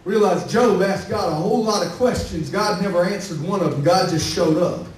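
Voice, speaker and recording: A man preaching a sermon as pastor, building his points with rising emphasis and calls out to his church. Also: normal speed. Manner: high-pitched, preaching with rising emphasis and call-outs to the church. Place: large church hall. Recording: echoey church hall from far off, faint hiss.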